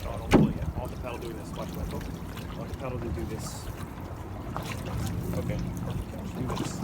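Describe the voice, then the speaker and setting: A man's voice: medium pitch, flat delivery, a little fast. A man coaching paddling outdoors, calling out short instructions. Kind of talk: hands-on coaching talk. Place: outdoors by the water. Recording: loud wind and water noise. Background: wind and water.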